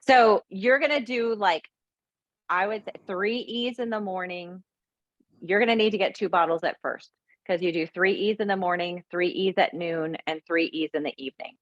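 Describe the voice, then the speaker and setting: A woman's voice: on the low side, normal speed, no room sound, dull audio. A woman presenting products in a chatty, frank talk full of fillers. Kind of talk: casual sales talk.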